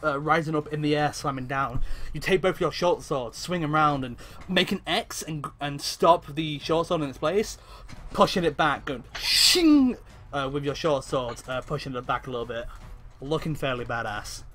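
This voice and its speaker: Man game master, bright and hesitant. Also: on the high side, normal speed, slight background noise. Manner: hesitant and apologetic, many fillers and restarts. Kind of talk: narrating a tabletop game.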